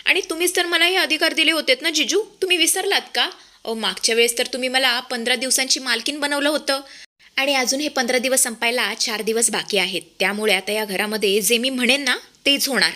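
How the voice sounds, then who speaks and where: Arrogant young wife voiced by a woman, haughty, rude, high, bright voice. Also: fairly quick. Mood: defiant.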